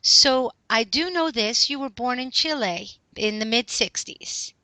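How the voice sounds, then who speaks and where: A woman's voice: on the high side, a little slow, bright, forceful tone, no echo, rough recording. A woman hosting an interview, reading a scripted introduction and then asking questions in an upbeat, enthusiastic way. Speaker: host.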